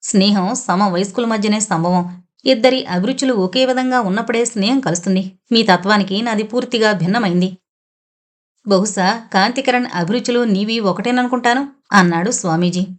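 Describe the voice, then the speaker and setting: Female narrator for a serialized novel, even storytelling delivery, mid-range voice. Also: medium pitch, normal speed. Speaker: audiobook narrator. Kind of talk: reading a novel aloud, voicing all characters.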